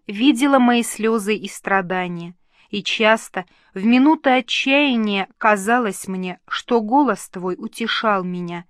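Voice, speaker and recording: A woman's voice: a little high, no room sound, clean studio sound. A woman voicing an earnest, emotional young princess who speaks in fervent exclamations in an audiobook reading.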